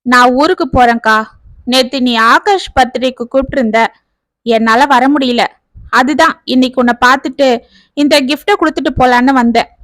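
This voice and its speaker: An upset young wife speaks in a strained, high voice, close and dry, as a woman storyteller plays her. She sounds worn down and near tears. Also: normal speed, a bit bright, no echo. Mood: distressed. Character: young woman fleeing her marriage, tearful.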